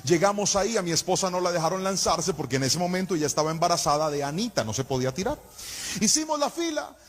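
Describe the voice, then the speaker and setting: A man's voice: sits high, big pitch swings, quick pace. A man preaching a passionate sermon in a sing-song cadence, telling a story and speaking straight to his listeners. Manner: addresses listeners directly, calls for responses. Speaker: pastor.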